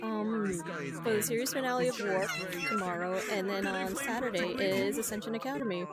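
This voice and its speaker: A woman's voice: medium pitch, fairly quick, over a noisy crowd. A woman streamer chatting loosely as she wraps up, feeling motion sick and rambling with restarts. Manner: chatty, rambling, self-interrupting. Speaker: streamer and player. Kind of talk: casual livestream chat.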